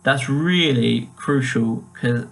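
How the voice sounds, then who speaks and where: A young man reflects on his coursework into a webcam, his voice sitting at an ordinary middle pitch. He speaks haltingly, with plenty of ums and restarts, and slows right down whenever he sounds out a German word. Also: gravelly. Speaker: language student.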